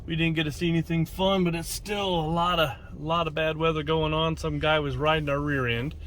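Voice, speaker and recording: A man's voice: fairly high pitch, steady tone, brisk. A man casually narrating a vlog to viewers in loose fragments while he drives. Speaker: vlogger filming a storm chase while driving. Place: inside a moving car. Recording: loud vehicle and wind noise.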